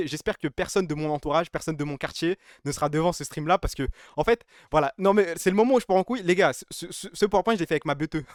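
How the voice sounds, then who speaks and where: Casting: man in his twenties, slightly high voice, rambling joking streamer, dry close mic. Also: no echo. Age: 20s. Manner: rambling and joking, lots of laughing and exclaiming. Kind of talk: casual live-stream chat with viewers.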